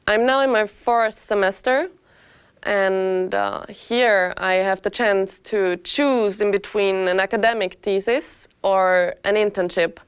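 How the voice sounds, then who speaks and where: A 25-year-old woman from Austria, giving an earnest student testimonial and pausing to rephrase. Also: mid-range voice, steady tone, smooth, no room sound. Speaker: master's student.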